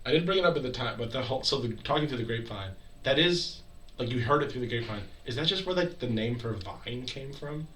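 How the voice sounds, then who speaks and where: A man chatting casually as a podcast co-host, animated and quick to joke and wander off on tangents. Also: medium pitch, slight background noise. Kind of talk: casual group chat. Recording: echoey room, far from mic, crowd-like chatter.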